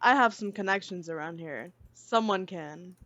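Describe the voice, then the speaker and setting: A woman's voice: lowish voice, moderate pace, fairly bright tone, dry recording, lo-fi sound. A woman player doing casual in-character role-play in an easygoing, playful way.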